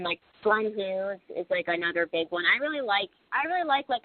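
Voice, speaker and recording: On a dry, lo-fi radio recording that sounds phone-like, a young woman from Pennsylvania with a somewhat low voice rambles as a band singer guest in a casual interview. She says "like" and "you know" a lot.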